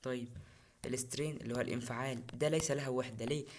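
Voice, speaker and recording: A young man with an Egyptian Arabic accent tutors physics in a recorded exam-prep lesson, speaking rapid-fire in a mid-range voice with fairly even intonation. He's casual and chatty, repeating key terms, and there's slight background noise.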